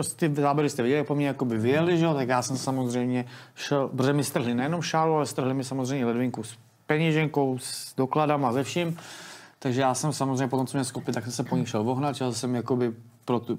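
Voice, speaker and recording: A man's voice: medium pitch, darkish tone. A man in his thirties, an interview guest, telling a long story in casual, rambling speech with many restarts. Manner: rambling, colloquial, frequent restarts.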